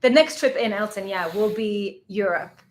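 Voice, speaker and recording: A woman's voice: mid-range voice, normal speed. A young Swedish woman co-hosting a casual live travel Q&A, chatty and laughing often. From Sweden. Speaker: travel vlogger co-host.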